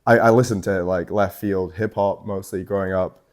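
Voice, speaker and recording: Very deep-voiced young man from Scotland. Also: steady tone, normal speed, a little mellow. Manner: loose, rambling, heavy on "like" and swearing. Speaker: guest artist. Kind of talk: casual chat. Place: tattoo shop.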